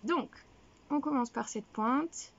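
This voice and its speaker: A young woman talks casually to her viewers, rambling from one thought to the next and correcting herself as she goes. Her mid-pitched voice carries a gravelly, creaky edge. The sound is a little dull and lo-fi. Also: slow pace. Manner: chatty and rambling, many fillers and self-corrections. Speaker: knitting podcast host. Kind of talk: casual video podcast chat. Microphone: camera, showing items to viewers.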